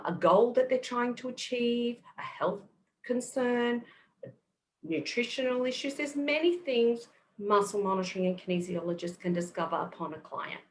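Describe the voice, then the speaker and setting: A woman's voice: fairly high pitch, slight background noise. A middle-aged woman with an Australian accent, a guest on a podcast, explaining things patiently. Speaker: guest kinesiologist. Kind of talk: podcast interview.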